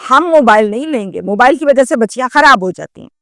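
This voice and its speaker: A woman's voice: on the high side, lively intonation, fast, a bit bright, no room sound, studio quality. A woman voicing a strict, scolding middle-aged father. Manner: scolding, preachy.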